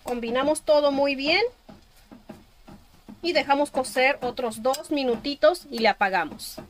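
High-voiced woman narrating a recipe. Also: measured pace. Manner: warm, homey, enthusiastic about the food. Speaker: cooking channel host. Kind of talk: voice-over cooking tutorial.

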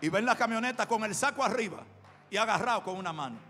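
A male pastor preaching a sermon with impassioned shouting and storytelling. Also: high voice, animated, fast talker. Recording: reverberant hall with music behind.

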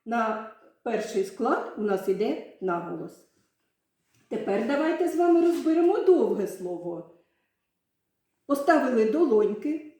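In a very echoey room, a primary school teacher patiently draws out words so young children can hear the syllables in a literacy lesson. Her voice is on the high side and dark in tone, sing-song and a little slow, with long pauses.

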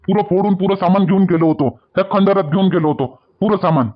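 A man's voice: high voice, fast. Emphatic Varhadi man in village comedy. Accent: Varhadi Marathi. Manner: emphatic and repetitive, pleading. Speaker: comedy sketch actor. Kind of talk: rustic village comedy sketch. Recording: dull lo-fi sound.

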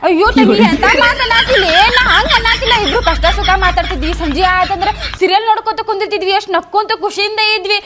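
A woman's voice: extremely high pitch, quick pace, few pauses, over a noisy crowd, very noisy. A young woman, playing an emotional, pleading elder sister in a scripted comedy skit. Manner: emotional, pleading, then scheming.

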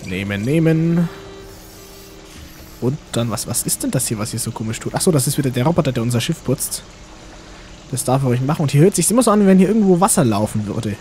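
A man hosts a let's play in a very animated, mid-pitched voice. He chats casually and rambles to himself and to the characters, with game music clearly behind him. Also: rapid-fire.

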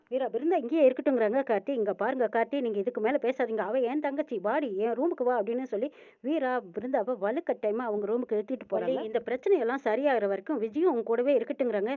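A woman's voice: a little high, fast, no room sound. A woman retelling a TV serial episode, voicing each character's lines as she tells the story. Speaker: serial recap narrator. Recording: tinny phone-like sound, dry.

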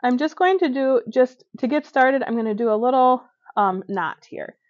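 Seated indoors at a table, a stitching instructor demonstrates a beaded edging stitch step by step, filling her narration with fillers and small self-corrections as she works. Her voice sits high and is expressive, at a moderate pace. The lo-fi recording has no room sound.

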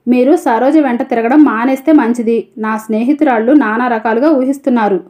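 A woman reading a storybook, voicing an arrogant rich young wife who speaks in a sharp, scornful way. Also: on the high side, brisk, close to an everyday voice.

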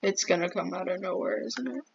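A woman's voice: medium pitch, fairly quick, creaky, slightly rough. A woman commenting while she plays a game, jumpy and easily flustered, often exclaiming. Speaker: gamer. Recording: dull lo-fi mic.

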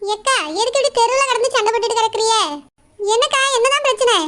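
A woman as a village neighbor calming a quarrel. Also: very high-pitched, very noisy. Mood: pleading. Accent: Kanyakumari Tamil. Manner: pleading, soothing, hurried. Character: village neighbor woman trying to calm the fight.

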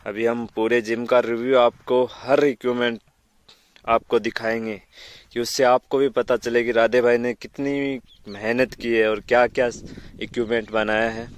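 A man's voice: medium pitch, little pitch movement, moderate pace, no echo. A man in his thirties giving a casual gym tour outdoors, explaining steadily to viewers. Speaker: visiting fitness vlogger. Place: outdoor village gym in sandy fields.

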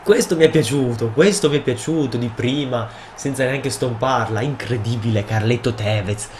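A young man with a cold and sore throat, casually commenting on his own football video game match and bursting into shouts at goals. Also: medium pitch, moderate pace, a little hiss or hum. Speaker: gaming video host.

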